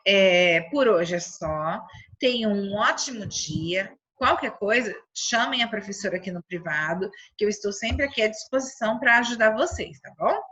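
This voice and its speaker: A woman with a Brazilian Portuguese accent teaching a remote lesson to young children, stretching words out slowly and asking them questions. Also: mid-range voice, lively intonation, fairly bright tone, slightly rough, dull audio. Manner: slow, syllable-stretching teacherly delivery. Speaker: primary school teacher.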